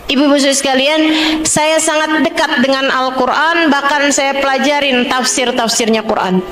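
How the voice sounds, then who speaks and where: A woman's voice: sits high, steady tone, moderate pace, fairly bright tone. A female religious teacher giving a chatty, humorous sermon to a women's gathering, talking straight to her listeners. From Indonesia. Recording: echoey hall.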